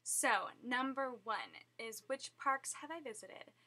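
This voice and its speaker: A woman's voice: sits high, unhurried, sharp tone, husky. A young woman from Southern California chatting casually on her vlog, giggly and full of fillers. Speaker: vlogger. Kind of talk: casual chat.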